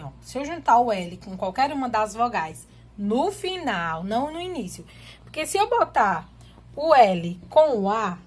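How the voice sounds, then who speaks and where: Slow patient teacher woman. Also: on the high side. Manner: slow, patient, spells out syllables one by one. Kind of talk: children's literacy lesson.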